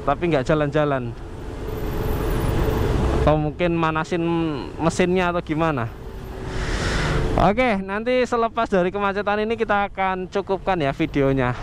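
Young man, fairly high voice, chatty motovlog narration, faint traffic hum behind. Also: normal speed, long pauses. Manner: chatty, addresses viewers warmly as friends. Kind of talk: casual narration while riding. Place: on a motorcycle in heavy outdoor traffic.

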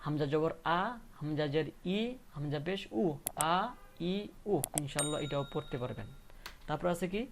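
A man teaching Quran reading, slowly drilling Arabic letter sounds with repeated question-and-answer steps. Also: fairly high pitch, vocal fry, a little hiss or hum. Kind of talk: step-by-step recitation lesson.

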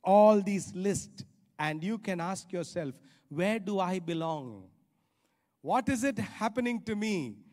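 This middle-aged preacher speaks with an Indian accent, delivering his sermon emphatically and restating phrases for stress. He has a high, darkish voice that is animated, yet he takes his time. Captured through a handheld mic on a large church auditorium stage, the audio echoes with hall reverb.

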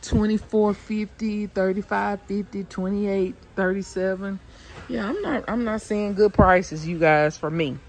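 A woman's voice: mid-range voice, unhurried. Chatty woman pricing toys on a phone. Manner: chatty, many ums, reading out prices. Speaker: shopping vlogger. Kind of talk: casual walk-through narration. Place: indoors in a large store aisle. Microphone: handheld phone camera.

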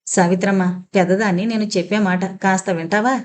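A woman's voice: mid-range voice, fairly even intonation, fairly quick, close to an everyday voice. Woman voicing a domineering old grandmother. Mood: persuading. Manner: scolding, sarcastic. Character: domineering elderly grandmother, sharp-tongued matriarch.

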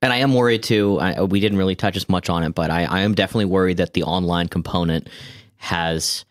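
Low-voiced rambling podcast co-host, male. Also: fast talker. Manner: rambling, frequent restarts and fillers. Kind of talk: casual gaming podcast chat.

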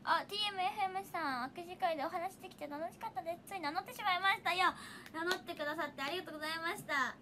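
A woman's voice: extremely high pitch, rapid-fire, hardly any pauses, bright, forceful tone, a little hiss or hum. A young woman with a Hiroshima accent chatting casually on a livestream, reading viewer comments and laughing often. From Hiroshima, Japan. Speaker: idol livestreamer.

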